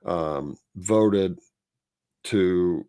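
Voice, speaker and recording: A man co-hosting a podcast, talking politics in a blunt, profane, casual way and letting his phrase ends drop low. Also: drawn-out words, warm tone, smooth, no room sound, clean studio sound. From Florida. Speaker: podcast co-host.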